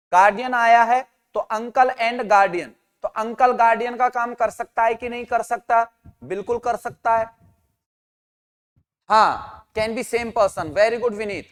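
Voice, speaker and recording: During an online English grammar lesson, a man with a very high, clean voice poses questions to students, answers them himself, and calls out their names and answers. The sound is that of a big room.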